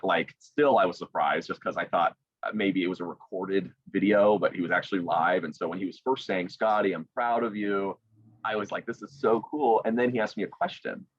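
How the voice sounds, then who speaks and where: A young man with a low voice tells his story as a guest over a video call, jumping into lively quoted voices. His laptop mic sounds dry and a little dull, with no room around him. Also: breathy edge, no room sound. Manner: animated storyteller, quotes others with lively voice jumps. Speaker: guest, young sports broadcaster. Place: indoors at home.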